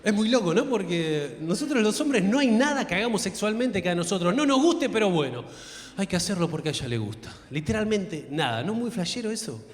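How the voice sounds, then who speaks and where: A man's voice: high voice, lively intonation, brisk. A young Argentine man doing crude stand-up comedy on a theater stage, working the crowd and acting out voices. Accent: Argentine Spanish. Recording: echoey theater hall.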